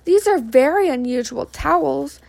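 A woman's voice: high-pitched, expressive, moderate pace, vocal fry, darkish tone, no echo. A woman reading aloud, voicing a mildly puzzled man of the house.

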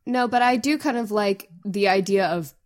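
A woman's voice: mid-range voice, normal speed. Female guest, playful and giggly, riffs on ideas, mid-range voice. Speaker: guest podcast host. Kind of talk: casual worldbuilding chat.

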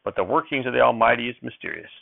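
A man voicing an excitable old rural grandfather who speaks in folksy dialect, with a raised, quick old-timer twang over a thin, dry phone-like sound. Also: medium pitch, gravelly, no echo. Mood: reflective.

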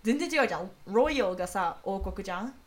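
Fast-talking chatty Japanese woman. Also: mid-range voice, lively intonation. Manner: chatty, laughs often, quick restarts. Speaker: podcast co-host. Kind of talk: casual chat.

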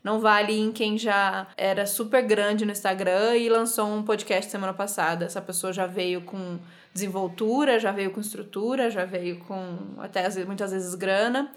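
A Brazilian woman co-hosting a podcast in casual chat, with a nasal, congested voice that is a little hoarse from a lingering cold. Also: medium pitch, fairly even intonation, normal speed, hardly any pauses. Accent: Brazilian Portuguese. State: hoarse and stuffed up after tonsillitis. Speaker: podcast co-host.

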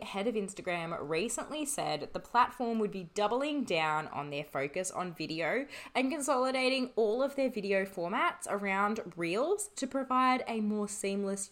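A woman with an average-pitched voice presents scripted tips as a podcast host. Her delivery is upbeat and neatly organised, in the manner of an advice vlogger. Each point is clearly signposted and laid out in order. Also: fairly bright tone. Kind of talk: scripted solo advice narration.

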